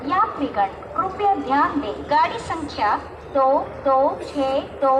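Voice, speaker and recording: A woman giving a recorded train station announcement in a slow, formal way, reading the train number one digit at a time. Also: sits high, highs cut off.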